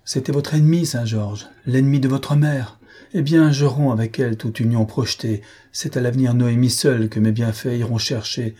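A man's voice: medium pitch, steady tone, moderate pace, warm tone, slightly rough, natural voice. A man voicing an aging nobleman who pleads in anguish as a desperate father. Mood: pleading.

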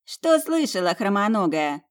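A woman's voice: medium pitch, lively intonation, moderate pace, natural voice. A woman voicing a spiteful, sneering young noblewoman in an audiobook, taunting her sister.

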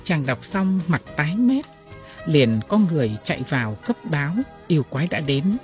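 A woman reading classic ghost tales aloud in an expressive, dramatic storytelling style. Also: sits low, normal speed, soft background music. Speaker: audiobook reader.

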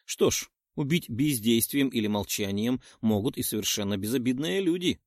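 A cocky young man gloats and teases at full volume, as a male narrator acts him out in an audiobook. His voice sits a little higher and swings in lively pitch. The sound is close and dry. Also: normal speed, no room sound, lightly acted. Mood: boastful, teasing. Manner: boastful, loud.

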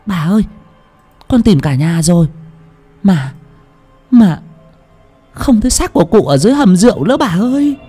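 A man voicing an anxious house servant in an audio story, talking fast and strained. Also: very animated, warm tone, breathy edge, faint music behind, full character voice. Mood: alarmed. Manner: hurried, strained, high voice. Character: anxious servant reporting to the mistress.

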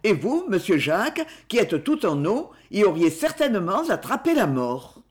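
A gruff, sly rough man with a blunt, familiar way of talking, as a male storyteller puts him on. The voice sits fairly high and swings widely, and the suspicion shows through in a storybook reading. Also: sing-song, normal speed.

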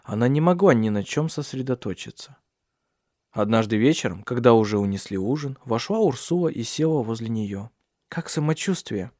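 This man reads an audiobook aloud, his scripted storytelling steady and evenly measured. The mid-range voice comes through in a dry, studio-quality recording.

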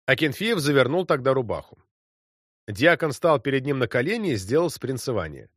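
A man reading a literary story as an audiobook, in an expressive narrating voice. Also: medium pitch, fairly quick, dry recording, studio quality.

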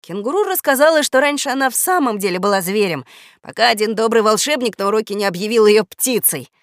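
A woman narrating a children's audiobook in a lively, expressive manner. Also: fairly high pitch, fast, no room sound, clean studio sound.

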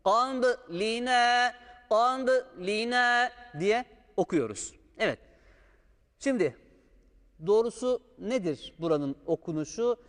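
A man's voice: high-pitched, big pitch swings, a little slow, long pauses, dark tone. A man teaching Quran recitation, patiently drawing out sounds to show the correct pronunciation. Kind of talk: step-by-step recitation lesson. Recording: long hall reverb.

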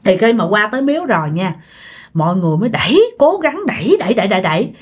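A woman telling a ghost story. Her telling is casual and chatty, and she often turns to speak straight to her listeners. Her voice sits at an ordinary middle pitch. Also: sing-song, fast, husky. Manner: chatty, addresses listeners directly.

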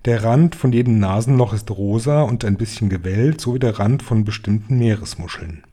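A man reading a children's book aloud in a calm storytelling voice. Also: lowish voice, normal speed. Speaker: reader.

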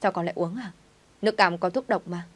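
A woman's voice: lowish voice, fast talker, natural voice. A woman reading the lines of a scheming middle-aged aunt in a told story. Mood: plotting.

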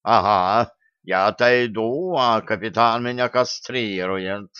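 A man's voice: on the low side, takes it slowly, sharp tone, clean tone, no echo, highs cut off. A man voicing a cowardly, fretful male pet cat with a whiny, panicky way of pleading, in an audiobook.

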